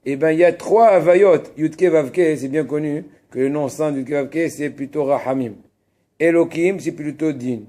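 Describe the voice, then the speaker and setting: A man leads a religious text class in a somewhat high voice. He talks in an animated way, asks his own questions and answers them, stresses Hebrew terms, and drops casual asides to his students. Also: normal speed. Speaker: rabbi teaching a class.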